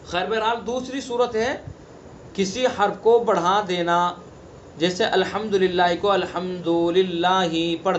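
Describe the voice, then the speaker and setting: High-voiced man teaching Quran recitation. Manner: explains rules plainly, then recites example words slowly and drawn out. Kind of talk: online tajweed lesson. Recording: dull lo-fi sound with faint background noise.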